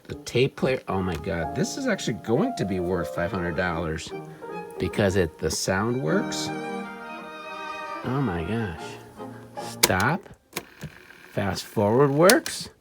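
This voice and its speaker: A vintage electronics seller gives a casual, off-the-cuff demonstration of a device, wry and excitable, talking to himself as he tinkers. His voice is lowish and slow, with frequent pauses. Music from the player being tested plays behind him.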